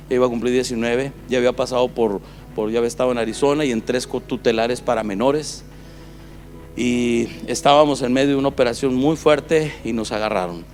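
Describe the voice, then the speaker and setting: A man's voice: mid-range voice, darkish tone. A man with a Mexican accent, a pastor telling his life story as a preached testimony, acting out the dialogue.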